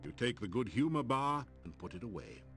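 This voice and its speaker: An actor playing a grand, wry storyteller, narrating a fantasy game in a theatrical, measured way. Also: male voice, medium pitch, sing-song. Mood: matter-of-fact. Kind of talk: scripted second-person game narration. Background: game music.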